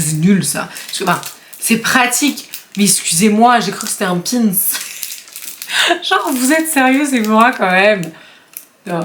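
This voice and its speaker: A woman chatting casually as a beauty vlogger, animated and laughing often while she unboxes products. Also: mid-range voice, slight background noise. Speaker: beauty YouTuber.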